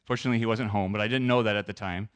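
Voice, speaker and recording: A man's voice: on the low side, steady tone, very fast. A man giving a personal testimony in a conversational, earnest and self-deprecating way.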